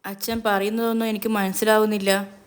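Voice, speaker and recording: A woman voicing a distraught grown daughter who pleads loudly and emotionally with her parents, read as a spoken storybook. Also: medium pitch, little pitch movement, brisk, clean tone, lightly acted. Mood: anxious.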